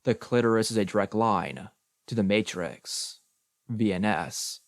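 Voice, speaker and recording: A man reading experimental prose for an audiobook, slow and deliberate, in measured, clipped phrases. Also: on the low side, dry recording, clean studio sound. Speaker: audiobook reader.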